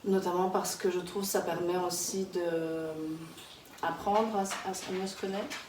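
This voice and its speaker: A woman in her thirties from Kazakhstan talks casually in an interview, pausing often and restarting her sentences. Her voice sits a little low. The sound is roomy and distant, with faint noise behind her. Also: fairly even intonation. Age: 30s. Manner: hesitant, many fillers and restarts. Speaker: interviewee, early childhood worker. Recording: echoey room, distant mic, background noise.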